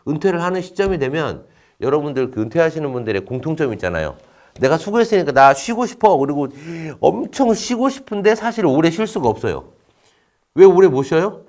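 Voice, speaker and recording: A man giving a recorded lecture in an explanatory tone, asking questions and then answering them himself, with frequent fillers. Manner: explanatory, asks and answers his own questions; frequent fillers, lively rises and drops in pitch.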